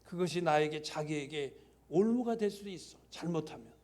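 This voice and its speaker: A man who is a church elder, preaching a sermon in a conversational way, asking the congregation questions and dropping now and then to a hushed whisper. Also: fairly high pitch, animated, a little fast. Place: church sanctuary.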